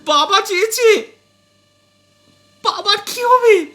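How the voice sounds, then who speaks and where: A shrill, scandalized wife scolds and wails in a piercing, tearful shriek. Her voice leaps very high and swoops wildly. She is bright and sharp-edged. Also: lively intonation, takes it slowly, exaggerated voice. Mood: wailing. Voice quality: piercing shriek, wailing and laughing through tears.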